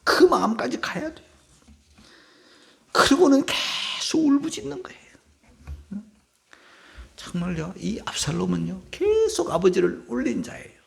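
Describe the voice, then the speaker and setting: A man preaching an emotional sermon as pastor, swinging from cries to hushed whispers and asking the congregation for assent. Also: high voice, big pitch swings, a little slow, gravelly, long pauses.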